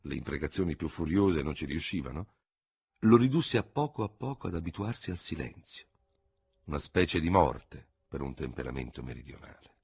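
A man reading a novel aloud as an audiobook narrator, slow and dramatic. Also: extremely low pitch, lively intonation, creaky, a little mellow, slightly rough. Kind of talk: scripted narration.

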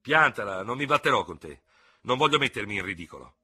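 A man's voice: fairly low pitch, lively intonation, moderate pace, creaky, bright, forceful tone, husky, pitched above the performer's own voice, heavily acted. A man voicing a cool-headed young staff officer who answers with controlled scorn. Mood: exasperated. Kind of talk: audiobook character reading.

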